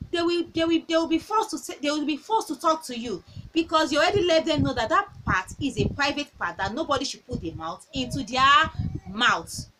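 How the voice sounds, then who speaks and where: A woman in her thirties with a high voice gives earnest parenting advice. She talks in a casual way, repeating phrases as she tells stories from her own home. A faint hiss sits under the recording. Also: expressive, fairly quick, sharp tone, rough recording. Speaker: parenting talk host.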